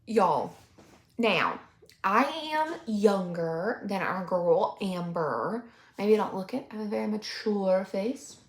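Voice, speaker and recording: A woman in her 20s hosts reaction commentary on a vlog clip for her YouTube channel, chatty, sarcastic and mocking. Her mid-range voice is expressive and slow-paced, caught in a roomy, echoey space.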